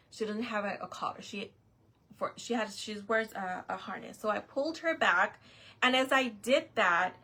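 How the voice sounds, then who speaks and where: A middle-aged woman tells a long, rambling story in a loose vlog style, circling back and piling up fillers as she goes. Her voice sits a little high, with a bright, forward tone. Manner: chatty, rambling, lots of fillers and restarts. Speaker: vlogger. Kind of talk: casual storytelling.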